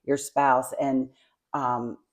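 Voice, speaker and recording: Soft, low-voiced woman podcast co-host. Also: little pitch movement, very slow. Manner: soft-spoken and reflective, with many fillers.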